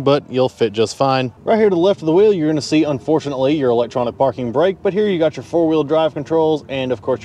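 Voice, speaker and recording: A man's voice: mid-range voice, darkish tone. A man giving a casual walkaround review of a pickup truck, talking in a folksy, conversational way as he points out features. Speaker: car reviewer. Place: in and around a pickup truck at a dealership.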